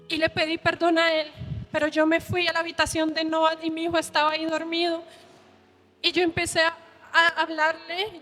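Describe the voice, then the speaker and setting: A woman preaches her own story in a very high, fairly even voice, heartfelt and close to tears. Her words ring out with the long reverb of a church hall. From Colombia. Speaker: preacher giving testimony. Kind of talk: emotional sermon testimony.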